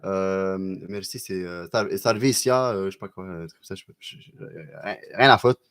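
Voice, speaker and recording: A man with a Québécois accent chatting casually on a live stream and answering viewers, loose and slangy with lots of quick restarts. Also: sits low, fairly bright tone, clear, resonant tone. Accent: Québécois French.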